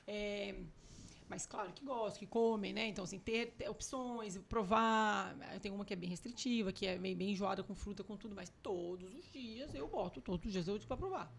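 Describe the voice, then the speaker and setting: Fast-talking woman with a gravelly edge. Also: mid-range voice, slight background noise. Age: adult with young children. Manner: animated, acts out family dialogue; quick, emphatic explaining. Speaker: cardiologist guest. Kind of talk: podcast interview talk.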